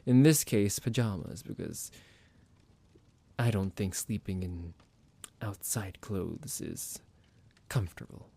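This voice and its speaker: Smug and commanding, a man performs a full character voice as a possessive, condescending vampire doctor in an ASMR roleplay. His low, gravelly delivery is measured, formal and menacing, softly giving orders.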